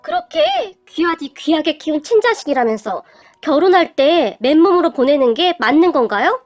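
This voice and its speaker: A woman's voice: high-pitched, sing-song, moderate pace, dry recording. A woman voicing a stubborn young daughter who talks back with sarcastic, cutting remarks.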